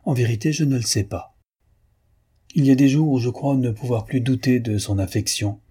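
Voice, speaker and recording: A man reading the part of a young painter confessing a passionate love, in an earnest, husky voice. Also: medium pitch, moderate pace, dark tone, lightly acted. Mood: troubled.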